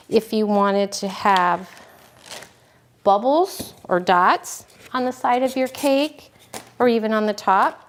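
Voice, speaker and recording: A woman cake decorating instructor giving a relaxed, folksy hands-on demonstration, talking as she works. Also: high voice, a little hiss or hum. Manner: folksy, relaxed, talks while working.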